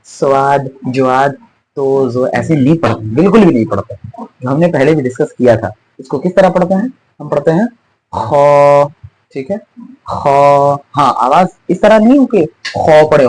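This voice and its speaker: A man leads an online lesson in a somewhat high voice with a husky edge. He explains patiently, poses questions to the class and answers them himself, repeating each sound for practice. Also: moderate pace, a little mellow, rough recording. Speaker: Tajweed teacher.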